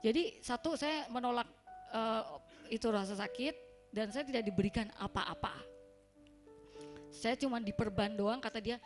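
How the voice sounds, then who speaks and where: A young woman giving a personal testimony to a congregation, telling her story in a chatty way and acting out the dialogue she quotes. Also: medium pitch. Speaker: church member giving a testimony.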